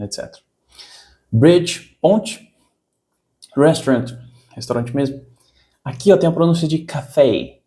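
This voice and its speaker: A man's voice: medium pitch, warm tone. A man from Brazil teaching English vocabulary in a casual online lesson, repeating key words for emphasis.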